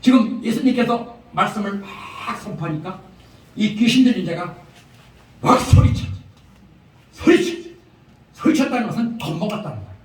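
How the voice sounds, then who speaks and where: Heard from a distance in a reverberant prayer-house hall, this man preaches a revival sermon as a pastor. His high-pitched voice is animated and fairly quick as he tells funny stories, chuckling and repeating points for emphasis.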